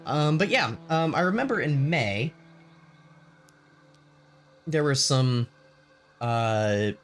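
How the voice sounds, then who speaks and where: A man hosting a video game let's play, thinking aloud in casual gameplay commentary with lots of pauses. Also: medium pitch, lively intonation, slight background noise. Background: game music.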